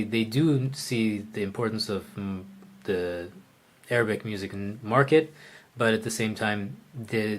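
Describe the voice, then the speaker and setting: A fairly low-voiced man teaches oud in a live online session, responding to viewers' questions conversationally and relaxed, working through his thoughts aloud with frequent fillers and false starts.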